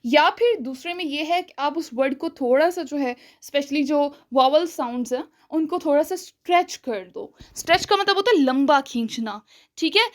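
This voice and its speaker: A woman teaching a spoken-English lesson, explaining step by step, checking in often with her listeners, and showing volume changes, pauses and stretched words. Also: high voice. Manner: explanatory, checks in with frequent "theek hai?".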